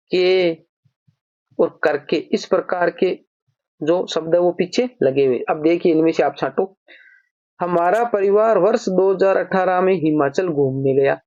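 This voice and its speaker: A man teaches an exam-prep grammar lesson, patiently explaining and dictating example sentences word by word while calling his listeners brother. His voice sits high and is a little mellow, and the recording is dull and lo-fi.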